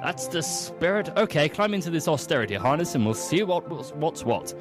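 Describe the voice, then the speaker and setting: A man's voice: fairly high pitch, big pitch swings, brisk, music in the background. A man playing a grumpy, old-fashioned sleigh driver who talks in an exasperated, bossy way.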